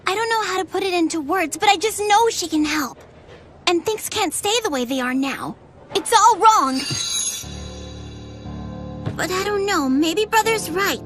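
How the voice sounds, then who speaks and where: Young vampire boy for anime dub: very high, animated, anxious and sincere. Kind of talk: English anime dub acting. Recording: music behind the voice.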